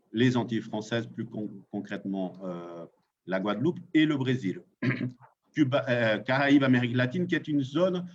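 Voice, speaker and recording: Male webinar moderator, formal and measured, mid-pitched, on muffled online audio with faint noise. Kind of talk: formal introduction of panelists.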